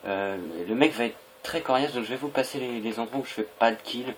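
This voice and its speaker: A man's voice: mid-range voice, brisk. A young adult Frenchman gives casual, hesitant and rambling gameplay commentary on a noisy home recording. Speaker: gaming video creator.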